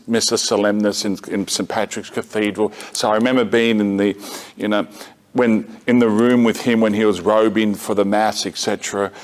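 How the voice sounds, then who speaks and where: Wry middle-aged man lecturing. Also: lowish voice. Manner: conversational, self-correcting, wry asides. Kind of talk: lecture mixed with personal anecdote. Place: parish gathering room.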